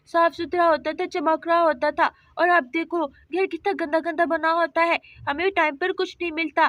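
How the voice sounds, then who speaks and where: A woman's voice: very high-pitched, a bit bright, no echo, muffled recording. A woman voicing two young daughters who whine and plead in a doll story. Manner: whiny, pleading, tearful.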